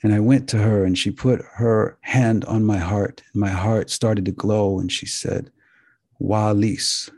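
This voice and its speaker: A male host earnestly recounting a dream and the lessons he drew from it, in a measured storytelling manner. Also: lowish voice, fairly even intonation, warm tone. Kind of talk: spiritual talk recounting a dream.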